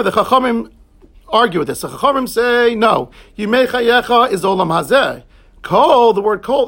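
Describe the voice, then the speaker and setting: A man leads a Talmud class, glossing each term in English and turning to his students between points. His voice sits high and has a gravelly, husky edge. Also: a bit bright. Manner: explains terms in English, quick asides to students. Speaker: rabbi teaching Talmud class.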